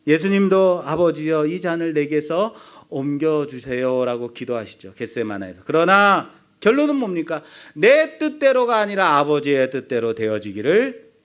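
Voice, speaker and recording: A man's voice: on the high side, a bit bright. A male pastor preaching a sermon, asking the congregation rhetorical questions.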